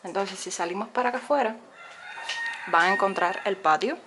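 A woman's voice: medium pitch, brisk, background noise. A young woman from Cuba with a Cuban Spanish accent, casually narrating a tour of her home to her viewers, talking from behind a handheld phone with many "eh" fillers. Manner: chatty, many "eh" fillers, addresses viewers directly. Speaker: vlogger giving a house tour. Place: small home, indoors. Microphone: handheld phone camera, speaking from behind it.

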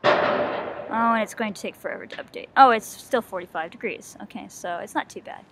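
A woman's voice: medium pitch, a little fast, very noisy. A mother talking casually about a Bible book on her video blog, rambling and chatty, full of "okay" and "you know.".

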